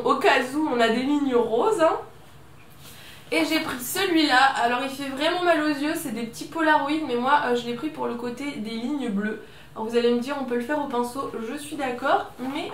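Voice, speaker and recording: A high-pitched woman chatting through a craft haul at home, chatty and self-mocking, full of little fillers. Her voice sits a little back from the mic in an echoey room, with a faint hiss underneath. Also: far from the mic. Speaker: scrapbooking vlogger. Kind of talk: casual haul video chat.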